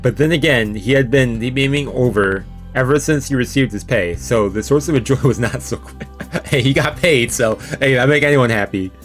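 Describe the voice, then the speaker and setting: With faint music behind him, a man speaks at a moderate pace in a mid-range voice. On his let's-play stream he reads a visual novel out loud, reacting informally with slangy interjections.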